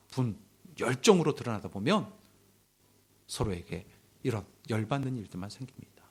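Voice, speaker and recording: A man's voice: medium pitch, husky. A man preaching a sermon as pastor of a church, telling the story animatedly and sometimes dropping to a near-whisper for emphasis. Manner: animated, acts out quarrels in quoted voices. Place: church hall.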